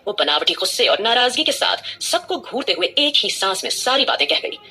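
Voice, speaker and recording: A woman's voice: fairly high pitch, sing-song, moderate pace, bright, forceful tone, husky. A woman narrating a scripted audio drama with dramatic storytelling.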